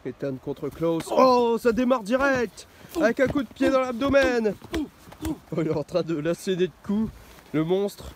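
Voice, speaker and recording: A man calling a wrestling match play-by-play, excitable and bursting into shouted exclamations. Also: high-pitched, unhurried, background noise. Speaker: wrestling commentator.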